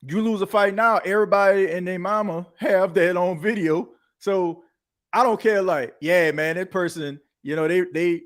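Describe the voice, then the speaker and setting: Rambling man in his thirties, fairly high. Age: 30s. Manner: rambling, leans on the filler "you know what I'm saying" and restarts. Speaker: podcast host. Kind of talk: casual chat.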